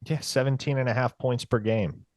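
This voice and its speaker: A man co-hosts a sports podcast in a mid-range, slightly mellow voice with fairly even intonation at normal speed, recorded with no echo. His manner is dry, wry and articulate as he chats casually and reads host ads.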